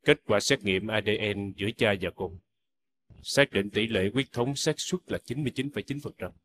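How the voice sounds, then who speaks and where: An actor as a formal, low-voiced doctor. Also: male voice, fairly bright tone, natural voice. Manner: formal, measured. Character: calm formal doctor giving test results.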